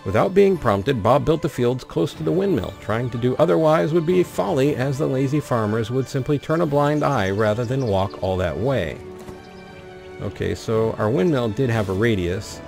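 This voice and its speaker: A man with a mid-range voice and noticeable vocal fry hosts a gaming video. He comments on his play and reads the game's story text aloud, blending let's play commentary with in-game narration.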